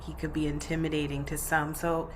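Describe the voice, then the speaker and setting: Woman interviewer with a lowish voice, enthusiastic, lots of like and you know. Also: little pitch movement, brisk, a little hiss or hum. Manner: enthusiastic, chatty with many fillers. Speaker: interviewer host. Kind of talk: interview questions.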